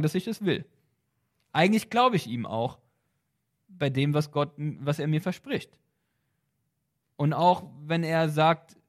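A man giving a reflective devotional talk, earnest and thoughtful, with small hesitations, slipping into quiet prayer. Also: on the high side. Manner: drops into quiet, soft prayer. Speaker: devotional speaker.

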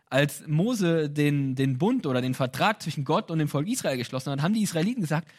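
Lively, animated man preaching. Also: fairly high pitch, a little fast. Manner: lively, animated storytelling with acted-out quotes; casual, colloquial, laughs lightly. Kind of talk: sermon.

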